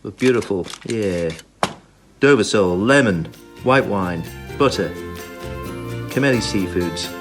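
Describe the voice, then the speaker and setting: In his home kitchen, a British home cook films a recipe video on his phone, keeping up chirpy, enthusiastic chat with tag questions and side remarks. He speaks in a lowish, animated voice, a little slow with long pauses, over music amid clear background noise and kitchen clatter.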